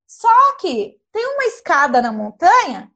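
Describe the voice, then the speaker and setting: A young woman telling a dramatic personal travel story in casual, animated chat. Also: very high voice, a little slow. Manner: lively, animated, dramatic retelling with gestures.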